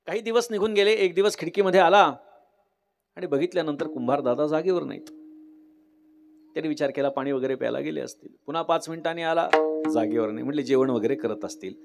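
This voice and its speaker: A man preaching a devotional kirtan sermon, telling a story in a lively way and acting out the dialogue. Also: a little high. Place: live kirtan gathering.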